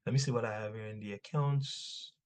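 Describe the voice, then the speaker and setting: A man's voice: fairly low pitch, steady tone, fairly quick. Emphatic man teaching an informal class. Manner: emphatic, punctuates points with rhetorical questions and tags like 'right?' and 'man'. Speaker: teacher leading an online religious history class. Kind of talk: informal lecture, reading and commenting on texts.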